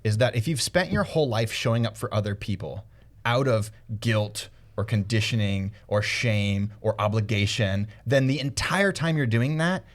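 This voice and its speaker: A man's voice: fairly low pitch, moderate pace. A man hosting a casual podcast, talking in an earnest, reflective way and sometimes losing his thread. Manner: earnest, reflective, loses his train of thought. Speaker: podcast host.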